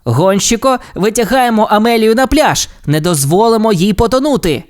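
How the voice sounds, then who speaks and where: A woman's voice: medium pitch, expressive, normal speed, darkish tone, pitched above the performer's own voice, close to an everyday voice. A woman voicing Ryder, an upbeat boy leader. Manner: upbeat and commanding. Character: confident boy leader of a puppy team. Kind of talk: audiobook character voice.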